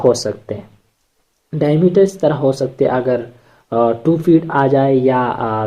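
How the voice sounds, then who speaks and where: A teacher talks through poetic metre in a slow, deliberate lecture. The voice is mellow and dark, and the pitch sits in a middle range. The delivery is hesitant, with frequent filler sounds, restarts and rhetorical questions that the teacher then answers.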